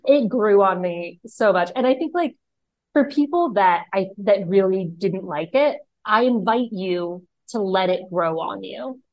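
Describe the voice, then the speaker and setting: A young woman co-hosting a podcast, talking in loose, rambling chat full of fillers. Her voice sits at a middle pitch for a woman. The recording is dry and close, with no room sound. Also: lively intonation, unhurried, no echo. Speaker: podcast co-host. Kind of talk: casual chat.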